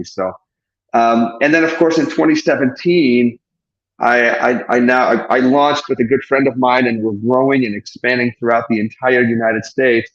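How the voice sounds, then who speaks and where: In this reverberant clip with its highs cut off, a medium-pitched man from Portugal appears as a therapist guest on an upbeat podcast. He talks expansively and effusively, frequently starting over to correct himself.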